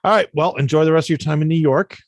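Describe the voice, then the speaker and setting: A man's voice: a little high, fast talker, vocal fry. A man hosting a podcast interview, making dry joking asides in casual chat. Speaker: podcast host.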